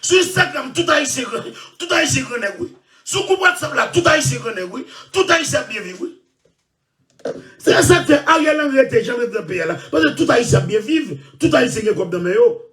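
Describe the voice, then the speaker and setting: A Haitian man with a very high voice rants on his show, his pitch swooping up and down as he repeats himself and shouts. He sounds set back from the microphone. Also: expressive, normal speed, distant mic. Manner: loud, repetitive, often shouting and laughing. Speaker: show host. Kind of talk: ranting monologue.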